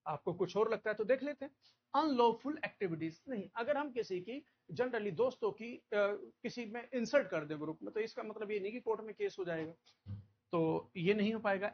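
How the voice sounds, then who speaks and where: A man from India teaching a vocabulary lecture, repeating key words and checking understanding with quick questions. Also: sits high, lo-fi sound.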